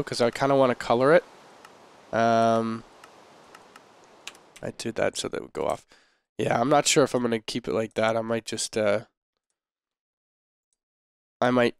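A man with a sick voice, casually commenting on his gameplay as a video host, chatty and relaxed with many ums and uhs. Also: medium pitch, normal speed, long pauses, smooth.

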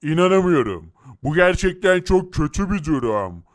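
A man's voice: a little high, very animated, normal speed. A man voicing a cheerful superhero who narrates his own rescue moves in a boastful way. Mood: heroic.

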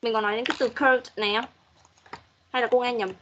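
A woman's voice: a little high, steady tone, fast, fairly bright tone, dull audio, slight background noise. A woman English teacher giving patient, corrective feedback to students in an online class, modeling pronunciation as she goes.

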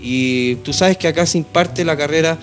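A Chilean man hosts a studio interview in a fairly high voice. He asks informal questions that stop and restart, speaking into a handheld microphone. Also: moderate pace, faint music behind. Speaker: interviewer and host. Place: television studio with small audience.

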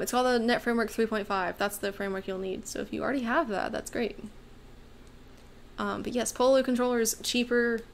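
A woman's voice: medium pitch, creaky, slight background noise. A woman hosting a casual livestream, rambling through viewer questions with many fillers, her voice getting worn. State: losing her voice. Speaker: livestream host and maker.

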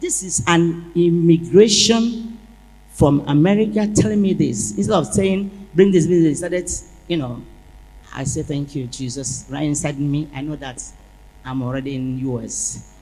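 A woman giving an animated church testimony, acting out the dialogue as she tells it. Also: low voice, moderate pace, a little hiss or hum. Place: large church hall. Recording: echoey church hall.

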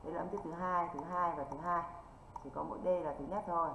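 A woman English teacher from northern Vietnam, running an online exam-prep lesson and constantly checking in with quick rhetorical questions. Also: lowish voice, steady tone. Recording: echoey, dull lo-fi with faint noise.

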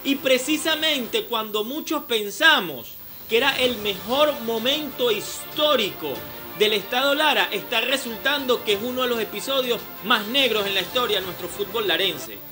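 A man's voice: extremely high pitch, expressive, moderate pace, music in the background. A man with a Venezuelan accent co-hosting a radio debate, speaking formally and sometimes trailing off into fillers. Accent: Venezuelan Spanish. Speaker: radio show co-host. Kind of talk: debate commentary.

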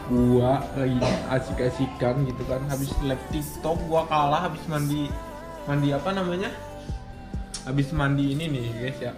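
A man's voice: mid-range voice, normal speed, over music. A young man, chatting casually to his viewers, laughing and teasing as he tells the story. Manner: laughing, teasing, stammers when excited. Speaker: vlogger. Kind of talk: casual vlog chat to viewers.

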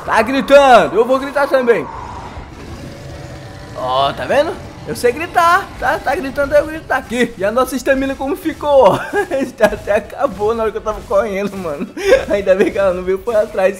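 A Brazilian man giving casual gameplay commentary, excitable and often laughing, talking straight to his viewers. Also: very high voice. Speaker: gaming YouTuber.

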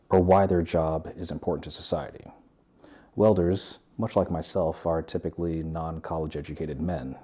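A man in his thirties, a welder, giving a measured, earnest scripted narration of an essay in his living room. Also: rumbling low, warm tone, breathy edge.

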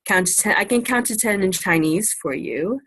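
Speaking at a moderate pace, a young native English speaker with a medium-pitched, expressive voice that's a bit bright and husky teaches students about China in a relaxed virtual classroom Q&A. She uses lots of ums and likes, recorded via laptop webcam with no echo.

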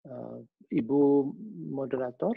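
A man giving a lively webinar lecture, acting out facial expressions with casual slang asides. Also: mid-range voice, takes it slowly, creaky. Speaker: behavioral analyst giving a webinar talk. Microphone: video call. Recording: dull lo-fi video call audio.

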